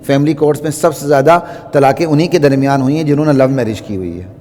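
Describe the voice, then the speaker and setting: A man delivering a Friday sermon in a mosque, stressing his points by slowly repeating phrases. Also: on the high side, a little mellow. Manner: slow, emphatic repetition of phrases. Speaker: Friday preacher. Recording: long hall reverb.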